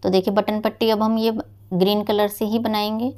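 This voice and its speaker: A woman's voice: mid-range voice, flat delivery, moderate pace, a little mellow. A woman patiently giving a step-by-step knitting tutorial, explaining each stitch and speaking directly to her viewers as friends. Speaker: knitting teacher.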